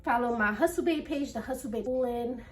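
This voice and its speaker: A high-pitched woman chats earnestly to camera in a casual vlog. She sounds a little nervous and slightly out of breath, and circles back over her own phrases. Her voice sits a short way back from the mic. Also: normal speed, far from the mic. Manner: earnest, repeats phrases, many fillers. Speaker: vlogger. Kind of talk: casual first-vlog chat.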